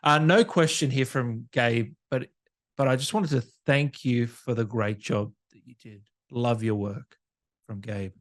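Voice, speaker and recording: Unhurried and medium-pitched, this Australian man hosts a podcast interview as a relaxed chat. His manner is keen, informal and playfully teasing.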